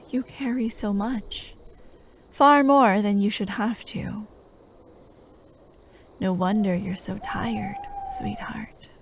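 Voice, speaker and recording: In a soft-spoken ASMR roleplay, a woman with a mid-range voice plays an elusive hypnotist who acts as a doting, possessive, soothing captor. She speaks slowly, gently and coaxingly, often dropping into whispers. The low-quality recording carries a little hiss or hum over steady outdoor night ambience of chirping crickets and night insects.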